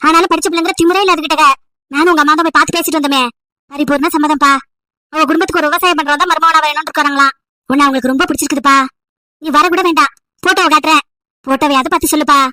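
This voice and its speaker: A woman's voice: high voice, steady tone, rapid-fire, pushed and bright, dry recording, clean studio sound. A woman voicing a nagging, emotional old village grandmother over 70 who scolds and pleads at length. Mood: pleading. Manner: scolding, pleading, wailing complaints.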